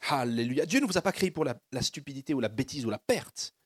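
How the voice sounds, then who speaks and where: A man's voice: mid-range voice, animated, quick pace, husky. A man preaching a sermon, leading the congregation in call-and-response and building fervor. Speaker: pastor.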